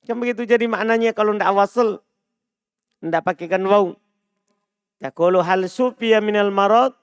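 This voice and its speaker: A man's voice: high-pitched, normal speed, clear, resonant tone, no room sound, clean studio sound. A man teaching a grammar lesson, explaining phrases step by step and checking that his students follow. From Indonesia. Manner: switches between quoted phrases and plain explanation, asking "paham kan?". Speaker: Arabic teacher.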